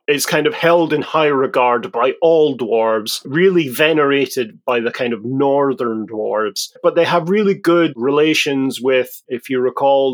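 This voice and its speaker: A man on a podcast casually explaining fantasy game lore, rambling and correcting himself as he goes. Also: mid-range voice. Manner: rambling, self-correcting, laid-back.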